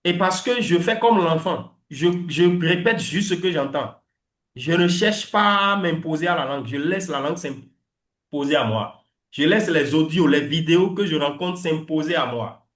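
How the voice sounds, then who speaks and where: A man whose first language is French, teaching an English class and slowly repeating words for his students. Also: a little high, lively intonation, fairly bright tone. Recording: echoey room.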